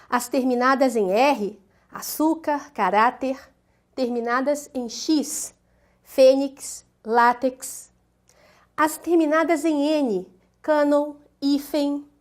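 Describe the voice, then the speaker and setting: A high-pitched woman teacher delivers a scripted video lesson in a clear, deliberate voice. She slows down and punches the stressed syllable of each example word to make it easy to follow. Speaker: Portuguese language teacher.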